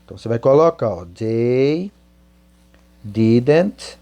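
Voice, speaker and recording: Guy teaching english, super slow, soft dark voice, hum in the background. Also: medium pitch, animated. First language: Portuguese. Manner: spells out English answers word by word, then translates. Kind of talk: slow classroom explanation.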